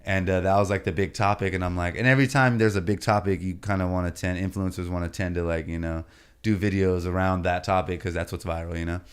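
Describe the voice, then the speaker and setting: This is a man with a deep voice chatting as a podcast guest, easygoing and full of slang. His tone comes across smooth and resonant, and he keeps checking in with his listener as he tells his stories. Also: steady tone, quick pace. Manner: laid-back and slangy, fills talk with "you know what I mean" and "bro". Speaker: podcast guest, comedian and content creator. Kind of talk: casual storytelling chat.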